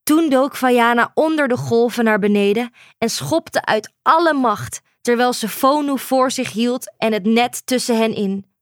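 A woman narrating a children's storybook in a calm, measured way. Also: on the high side, dry recording, clean studio sound. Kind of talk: storybook reading.

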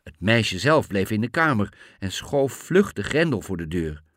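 Male storyteller, fairy-tale reading, animated and bright, dry sound. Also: on the low side, a little slow, no echo. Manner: lively, expressive storytelling.

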